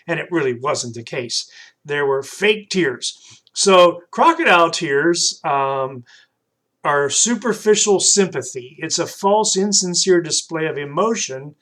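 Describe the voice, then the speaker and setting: A man gently and patiently teaching a children's Bible lesson, pausing with frequent fillers. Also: a little high.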